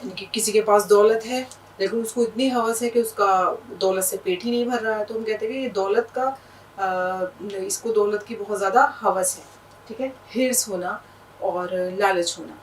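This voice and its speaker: A woman's voice: medium pitch, far from the mic, slight background noise, poor audio. Patient Indian Urdu woman teaching, set back from mic. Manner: patient, explains words slowly with examples. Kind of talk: explanatory language lesson.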